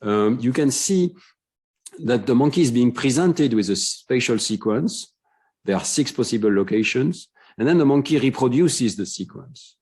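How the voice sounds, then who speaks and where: A middle-aged man giving a conference lecture, explaining research findings with frequent "uh" fillers and clear enthusiasm. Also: mid-range voice, expressive, normal speed, a little mellow.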